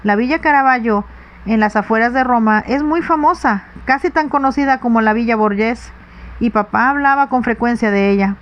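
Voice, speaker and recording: A woman's voice: a little high, moderate pace, muffled recording, close to an everyday voice. Woman voicing an earnest, sensible young lady, whispered role-play. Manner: earnest, pleading. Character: sensible anxious young stepdaughter.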